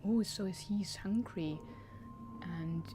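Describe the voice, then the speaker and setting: Female gamer, casual let's play commentary, musing, unhurried, mellow, faint background ambience. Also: fairly low pitch, slight background noise. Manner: musing, thinking aloud.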